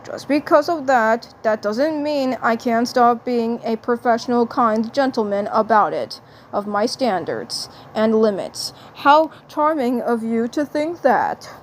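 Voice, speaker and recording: A woman's voice: on the high side, animated, slight background noise. Woman voicing Marvin the Martian, prim and pompous. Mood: haughty. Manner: prim, haughty, slow and deliberate. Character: pompous male Martian, self-styled gentleman. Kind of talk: fan story reading.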